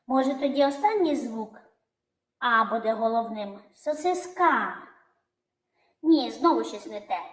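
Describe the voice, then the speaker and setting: A woman teaching young children, calling out words in a drawn-out sing-song way. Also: a little high, a little mellow, echoey room, rough recording. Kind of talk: children's lesson narration.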